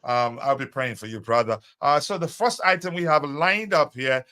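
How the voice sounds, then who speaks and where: In a casual live-stream chat, the host of a fan show talks loosely, full of fillers, and calls out viewers by name. His mid-range voice moves at a moderate pace with a sharp tone.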